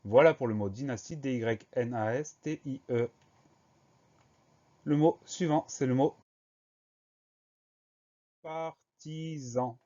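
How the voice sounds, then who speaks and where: A man teaching a spelling lesson to young pupils, spelling each word slowly, letter by letter. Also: medium pitch, dark tone, highs cut off. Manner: slow, careful letter-by-letter dictation.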